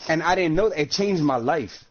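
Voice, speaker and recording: A man in his thirties telling a story in casual, profane chat, animated and ranting as he goes. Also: on the high side, brisk. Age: 30s. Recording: dull lo-fi sound with faint noise.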